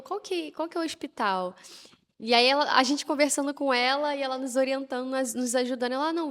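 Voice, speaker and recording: A woman from Rio de talks quickly in a fairly high voice, animated as she acts out her story. Her voice carries a long reverb. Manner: animated, lively retelling with quoted prayers and laughs. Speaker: guest telling a personal testimony. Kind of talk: casual conversational storytelling.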